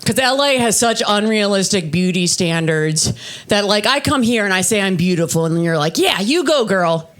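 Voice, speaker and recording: A woman in her thirties performing live stand-up, her voice low for a woman. She delivers her set deadpan and self-deprecating, in a steady, unhurried tone. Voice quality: low, husky-toned voice for a woman. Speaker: stand-up comedian. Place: comedy festival stage.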